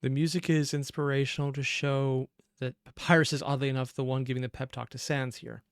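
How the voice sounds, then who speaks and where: A man hosting a reaction video offers earnest, analytical, reflective commentary on a fan dub, with deliberate emphasis. His mid-range voice is level, gravelly, clear and resonant, captured in a dry, studio-quality recording.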